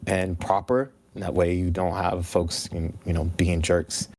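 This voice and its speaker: A man in his thirties, a video game composer, chats casually as an interview guest, telling animated stories and acting out remembered dialogue. His low, gravelly voice has a darkish tone, a level delivery, and a measured pace. There's slight background noise.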